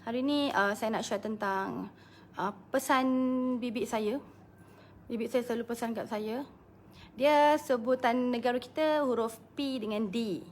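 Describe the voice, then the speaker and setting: A woman's voice: fairly high pitch, unhurried, a little hiss or hum. A Malaysian woman business coach chatting casually on a live stream, greeting viewers by name and laughing often.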